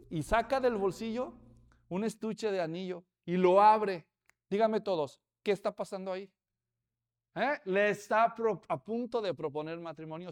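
A man's voice: sits high, clear, resonant tone. A man preaching a sermon as pastor, telling stories with humor and rhetorical questions to the congregation.

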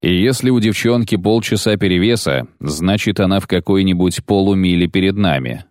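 A man reading aloud, voicing a cold, calm male bounty hunter who gives curt, measured commands. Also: low voice, no echo, clean studio sound, close to an everyday voice.

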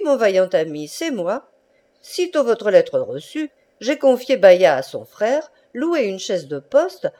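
A woman's voice: a little high, dark tone. A woman voicing a suave, worldly prince who explains things at length, in an audiobook reading. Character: smooth-talking worldly male prince, a schemer.

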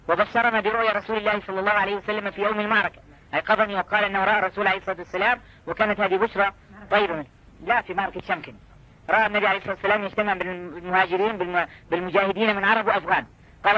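Male preacher, very fast and bright-voiced, exhorting the crowd on a lo-fi old tape. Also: very high voice. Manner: exhorting, with rhetorical questions to the audience. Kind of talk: fervent preaching lecture.

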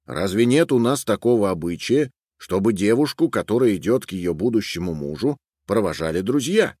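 A man voicing a stern father who gently reproaches his daughter. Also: lowish voice, lively intonation, no room sound, clean studio sound. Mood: reproachful. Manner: reproachful, measured.

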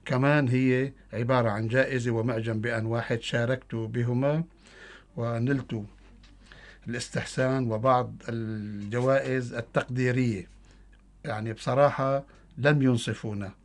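A man's voice: mid-range voice, steady tone, normal speed. A man with a Syrian Arabic accent giving interview answers as a guest poet, mixing formal and colloquial speech.

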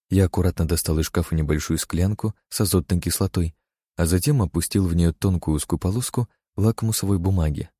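A man reading first-person fiction as an audiobook narrator, steady in narration and livelier in dialogue. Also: low-pitched, no room sound, studio quality.

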